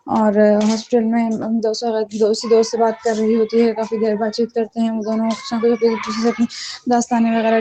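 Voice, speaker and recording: A woman with a somewhat high, warm and mellow voice tells the story of a TV drama episode in a loose, conversational way. She reads out the characters' lines in her own voice and keeps a flat, level delivery throughout. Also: slight background noise. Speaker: drama recap reviewer. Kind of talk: casual spoken retelling of a TV drama episode.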